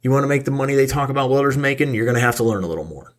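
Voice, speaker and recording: A man's voice: medium pitch, lively intonation, very fast. A middle-aged man hosting his own podcast, ranting angrily and profanely while stoned and worn out. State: stoned, weary. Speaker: podcast host. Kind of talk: casual ranting monologue.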